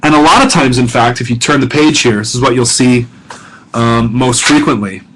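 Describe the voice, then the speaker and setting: Here the same kind of recorded grammar lesson comes from a middle-aged professor speaking at medium pitch and a moderate pace, with background noise behind him. He stays casual, corrects himself, and leans on fillers and check-ins with the students.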